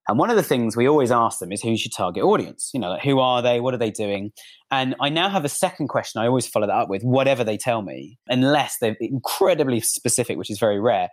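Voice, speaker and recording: A man's voice: mid-range voice, animated, fast talker. A man hosting a podcast, chatting casually and drawing on his own business. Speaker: podcast host.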